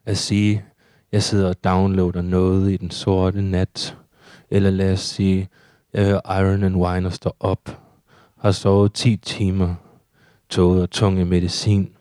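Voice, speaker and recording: Deep flat-voiced man reading poetry. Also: no echo, studio quality.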